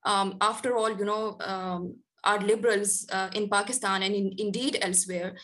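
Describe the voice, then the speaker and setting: A woman with a medium-pitched voice interviews a guest on a podcast. She asks academic questions conversationally, in a halting way, piecing her phrases together. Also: fairly even intonation, a bit bright.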